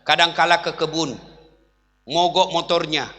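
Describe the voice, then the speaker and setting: A man's voice: fairly high pitch, steady tone, measured pace, sharp tone, big-room sound. A man preaching a humorous sermon, telling jokes and acting out the lines of the people in them. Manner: joking storyteller, acts out quoted lines. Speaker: Islamic preacher.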